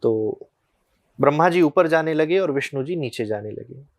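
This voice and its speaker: A man, a spiritual teacher, calmly explaining devotional practice in an interview and telling short religious parables. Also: a little high, dry recording. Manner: calm, unhurried, tells short religious parables.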